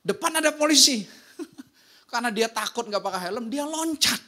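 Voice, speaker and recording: A pastor preaching a casual, lively sermon, telling stories and often checking in with the congregation. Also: male voice, extremely high pitch, normal speed. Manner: casual, slangy preaching with anecdotes.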